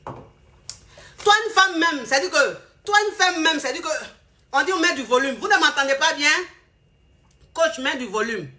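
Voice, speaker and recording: An animated woman, selling remedies in a casual live stream. Her voice sits high and sounds bright and forceful. She speaks straight to her viewers and slips into mimicked voices. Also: fairly quick. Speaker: seller of remedies and coach. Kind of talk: casual live sales talk.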